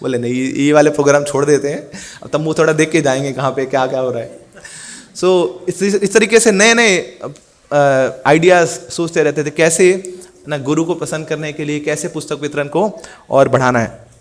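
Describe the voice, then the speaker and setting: Animated male storyteller. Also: fairly high pitch, normal speed. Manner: animated storyteller acting out quoted dialogue. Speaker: preacher. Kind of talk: storytelling sermon.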